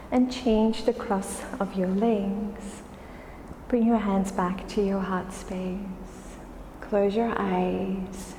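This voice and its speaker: A woman yoga instructor guiding a class in a calm, soothing, unhurried way. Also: mid-range voice. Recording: roomy, reverberant space with faint noise.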